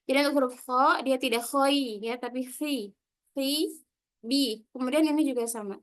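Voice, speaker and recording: A woman's voice: high-pitched, fairly quick. A woman teacher, patiently drilling Arabic letter sounds syllable by syllable and explaining pronunciation. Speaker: Quran recitation teacher.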